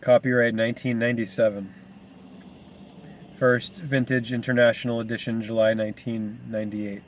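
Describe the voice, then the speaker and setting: A man reads a book aloud in a loose, casual way, drifting off into chatty asides. He stumbles over unfamiliar names, and his pitch stays in a middle register. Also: flat delivery, normal speed. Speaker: reader. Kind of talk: casual rambling book reading.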